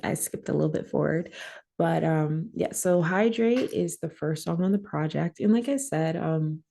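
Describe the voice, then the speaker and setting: Low gravelly-voiced woman hosting a workshop. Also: normal speed, slight background noise. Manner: relaxed, chatty, frequent fillers. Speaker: rapper hosting a songwriting workshop. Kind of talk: casual workshop presentation.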